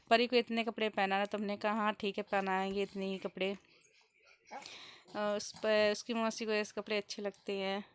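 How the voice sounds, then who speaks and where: Smooth-voiced woman, rambling vlog narration. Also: fairly high pitch. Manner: rambling, many fillers and restarts. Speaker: vlogger, mother. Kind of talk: casual home vlog voice-over.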